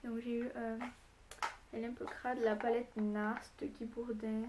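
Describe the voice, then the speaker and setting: A young woman talks in a casual beauty vlog, her voice pitched a little high but held fairly flat. Her tone is soft and mellow, and she gushes in a chatty show-and-tell way while a faint hiss sits under her voice. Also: normal speed. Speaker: beauty vlogger.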